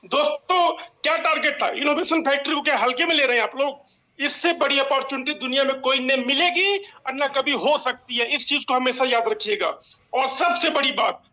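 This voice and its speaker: A man giving a fervent, preachy motivational pitch, dropping English slogans into his speech. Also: sharp tone. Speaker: guest speaker at an online promo meeting.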